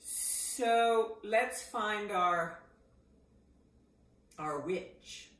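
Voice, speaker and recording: A middle-aged woman teaching voice exercises. She breaks into loud vocal sounds to show each exercise. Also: medium pitch, extremely slow. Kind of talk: voice exercise lesson. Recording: echoey room.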